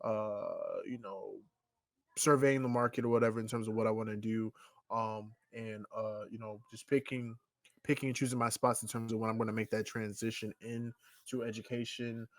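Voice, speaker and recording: This podcast co-host, a man in his twenties, speaks at normal speed in a lowish voice with little pitch movement, and there's no room sound. His casual chat is loose and rambling, and he leans on "you know what I'm saying."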